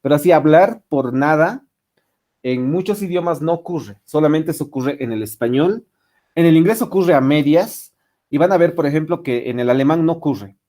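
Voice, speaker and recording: A man's voice: on the high side, normal speed, warm tone. Rambling man teaching. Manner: rambling, with many fillers and restarts. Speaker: English teacher. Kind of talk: online lecture.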